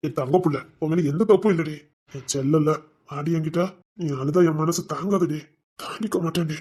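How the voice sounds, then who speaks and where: A man's voice: fairly high pitch, moderate pace, a little mellow, husky. A man playing a pleading remorseful husband. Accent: Tirunelveli Tamil. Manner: tender, pleading, coaxing. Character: remorseful young husband coaxing his pregnant wife. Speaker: actor in a web series. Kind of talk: emotional domestic drama acting.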